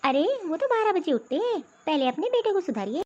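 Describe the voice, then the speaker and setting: A woman voicing a sharp-tongued, defiant young daughter-in-law in a cartoon story. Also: very high voice, sing-song, brisk, muffled recording. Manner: talking back, defiant.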